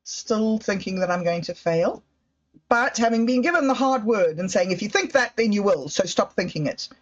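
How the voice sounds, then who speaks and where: A woman hosting a livestream chats casually about her projects, sounding unsure and self-doubting, though her mid-range voice is animated and her pace moderate. The lo-fi recording comes across slightly muffled.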